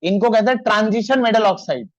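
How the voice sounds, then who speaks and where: A high-pitched man teaching chemistry in a classroom, spelling out formulas step by step and breaking off to tell students to stop talking. The sound is dry and dull, like a basic lo-fi recording. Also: lively intonation, no room sound. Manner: dictates formulas slowly, scolds students for chatting. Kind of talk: classroom lecture.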